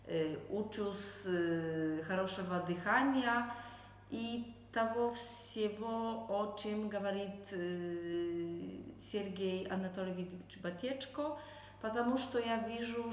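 A woman's voice: mid-range voice, a little hiss or hum. A woman with a Polish accent answering interview questions in non-native Russian, searching for words as she goes. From Poland. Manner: halting, searching for words, imperfect grammar. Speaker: interview guest, translator and health consultant. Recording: very echoey room with long reverb.

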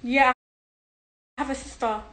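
A young woman in her twenties livestreams from a phone held close in selfie framing, reading viewer comments aloud and answering them bluntly, laughing and swearing a lot. Her high-pitched voice is pushed and bright, with fairly even intonation at a normal speed.

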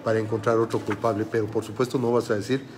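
A man's voice: lowish voice, level tone, fast, a little mellow, a little hiss or hum. A man giving a motivational talk as a life coach, firing rhetorical questions at the listener and repeating phrases for emphasis. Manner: asks rhetorical questions and addresses the listener directly.

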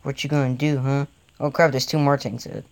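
Young guy rambling thru his tank game, gets hyped fast, jokey, home mic. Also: mid-range voice, clear, resonant tone. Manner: rambling, easily excited, jokey. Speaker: gaming channel host. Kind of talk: excitable gameplay commentary.

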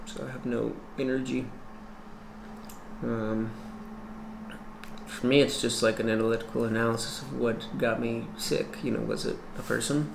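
A man in his thirties, sick and feverish, talking quietly with little energy while lying in a hotel bed. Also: gravelly, reverberant, a little hiss or hum. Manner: quiet, low-energy talk.

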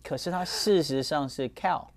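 A middle-aged man with a Taiwanese Mandarin accent, a talk-show guest who teaches pronunciation and slowly repeats words as examples. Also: medium pitch, expressive, a little mellow. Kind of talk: studio talk show interview.

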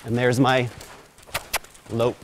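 A man teaching horsemanship hands-on, chanting steady rhythmic counts between explanations. His voice sits at an ordinary middle pitch, and he drops in light self-deprecating asides. A faint hiss lies under the lapel-miked voice in the arena. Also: slow. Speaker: horse trainer. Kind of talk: hands-on riding instruction.

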